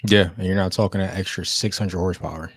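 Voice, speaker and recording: A young man with a low voice chats about cars in brief, relaxed remarks. His voice sits close and dry on the mic. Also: fast, husky, no echo. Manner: short, easygoing replies. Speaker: podcast co-host. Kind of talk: casual car chat.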